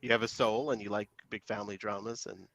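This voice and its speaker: A man's voice: lowish voice, steady tone, fast, vocal fry, crowd noise. A man co-hosting a casual chat, making dry, wry remarks and moving the show along. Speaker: podcast co-host. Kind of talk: casual chat reacting to a trailer.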